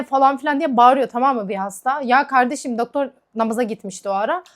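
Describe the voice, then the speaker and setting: A woman vlogger chatting casually while doing her makeup, ranting in a heated, frank way. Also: high voice. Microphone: camera mic.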